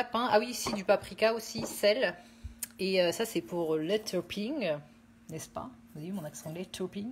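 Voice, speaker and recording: A woman's voice: mid-range voice, slight background noise. A woman hosting a casual live cooking stream from her home kitchen, chatting with viewers through her phone and rambling with many fillers.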